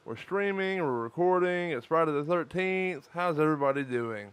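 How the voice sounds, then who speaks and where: Here a man's fairly high, animated voice comes through smooth and at normal speed. He's a tired podcast co-host with a lisp, short on sleep, on a laid-back live stream where he cracks crude jokes and swears freely.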